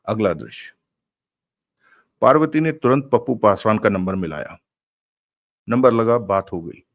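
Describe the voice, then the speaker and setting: Low-voiced male audiobook narrator. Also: lively intonation, a little slow, no echo, lo-fi sound. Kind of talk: audiobook narration of a crime novel.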